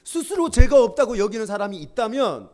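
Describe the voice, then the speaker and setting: Lively, high-voiced preacher. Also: male voice, fairly quick. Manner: animated, humorous, call-and-response preaching. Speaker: pastor. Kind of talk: sermon.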